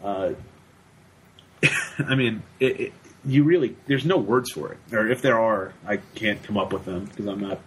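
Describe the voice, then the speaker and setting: A young man with a fairly low voice, speaking as a student guest on a casual podcast. He talks haltingly, stacking restarts and repeated words while he looks for the right phrasing. Faint background noise runs underneath. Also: a bit bright, low-quality recording. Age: young adult. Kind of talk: casual conversational interview.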